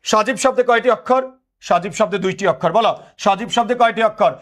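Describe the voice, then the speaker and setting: A young man teaching an admission test lesson, animated, quizzing students and answering his own questions. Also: sits high, a little fast.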